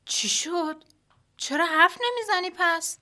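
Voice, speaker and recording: A nosy, fussy young woman friend in a comic radio drama, played by a woman. Her voice is very high and bright, and she talks quickly with prim exclamations. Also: animated, exaggerated voice.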